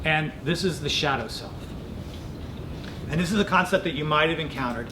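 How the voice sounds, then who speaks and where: A middle-aged man lecturing as a professor, explaining ideas thoughtfully in informal academic phrasing. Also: moderate pace. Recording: echoey room with clear rumbling noise.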